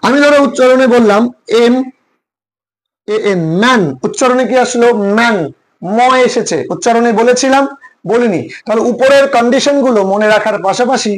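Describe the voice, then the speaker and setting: A man with a Bengali accent teaches English grammar in a high, light voice. He drills his students by repeating each rule and quizzing them with questions. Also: steady tone, moderate pace, rough recording. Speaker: English tutor. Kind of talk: classroom lecture.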